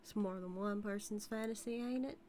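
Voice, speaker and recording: In a scripted audio roleplay, a woman plays a flirty, dominant outlaw cowgirl, drawling and teasing in a Southern US accent with a sly mood. Her medium-pitched voice is warm, a little fast, and close to everyday speech. There's a faint hiss or hum in the recording, and the acting feels intimate.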